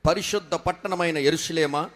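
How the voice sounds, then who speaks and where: A man reading scripture aloud in a formal, measured way. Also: fairly high pitch, fairly bright tone. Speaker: scripture reader.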